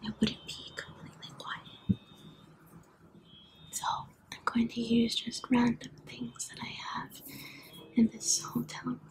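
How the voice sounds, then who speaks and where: A soft spoken woman in her twenties whispering ASMR close to the mic in a hotel room. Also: a little high, completely flat delivery, slow, long pauses. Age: 20s. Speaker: beginner ASMR video maker. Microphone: close to camera or laptop, leaning in.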